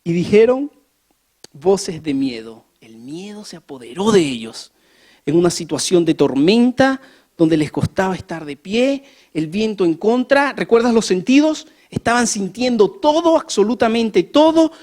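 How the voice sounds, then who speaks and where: Animated preacher asking the congregation questions. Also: medium pitch, measured pace. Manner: acts out scenes with rising emphasis. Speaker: pastor. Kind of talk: sermon. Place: church.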